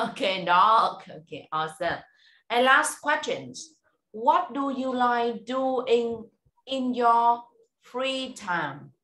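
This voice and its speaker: A woman teaching English over a video call, giving a speaking test and prompting slowly and clearly with encouragement. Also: a little high, animated, bright, forceful tone. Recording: roomy echo.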